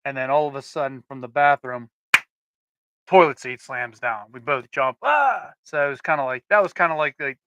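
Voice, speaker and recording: A man's voice: mid-range voice, steady tone, a little fast, a bit bright, clear, resonant tone, highs cut off. A man co-hosting a casual podcast chat, telling rambling stories with frequent restarts. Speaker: podcast co-host.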